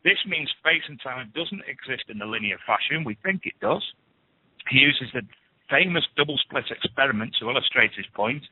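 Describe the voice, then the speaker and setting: Husky radio host, phone-like line. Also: male voice, mid-range voice, animated, normal speed. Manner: chatty, scoffing asides between news items. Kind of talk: reading paranormal news with asides.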